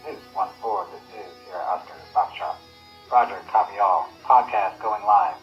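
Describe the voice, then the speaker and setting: A man's voice: lowish voice, normal speed. A man answering a radio call over a walkie-talkie in clipped protocol. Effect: radio reply over a walkie-talkie. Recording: muffled lo-fi radio with music behind.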